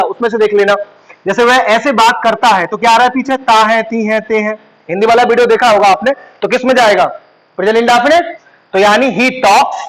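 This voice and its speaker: A man teaching an online grammar lesson, explaining step by step and often checking that students follow, slowing down to say the English example sentences. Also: very high voice, a bit bright, low-quality recording. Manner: slows right down when saying English example sentences.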